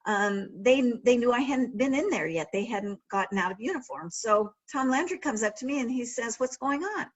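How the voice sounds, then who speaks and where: Husky-voiced woman telling a story. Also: a little high, animated, normal speed, lo-fi sound. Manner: anecdotal, conversational, with frequent restarts. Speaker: author and former sportswriter giving a library talk. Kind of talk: storytelling talk.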